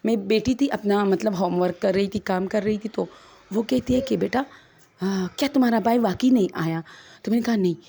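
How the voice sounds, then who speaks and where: A woman's voice: mid-range voice, gravelly, dark tone, a little hiss or hum. A woman, chattily retelling a first-person ghost story to her listeners as friends and acting out the quoted dialogue.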